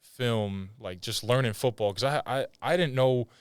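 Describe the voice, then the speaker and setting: A man's voice: mid-range voice, normal speed, clear, resonant tone, no echo, studio quality. A young man hosting a casual podcast interview, laid-back and slangy, saying "bro" and "like.". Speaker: podcast host.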